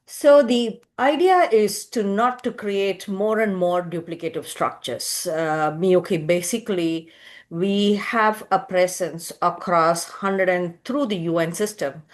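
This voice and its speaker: A UN youth office representative answers questions over a video call. The speech is measured and explanatory, with frequent filler words. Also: medium pitch. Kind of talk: explanatory answer in an online meeting.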